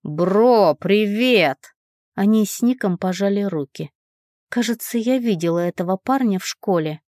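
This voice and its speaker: A young woman narrating a first-person novel as an audiobook, with a lively and expressive reading. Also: mid-range voice, normal speed, no room sound, clean studio sound.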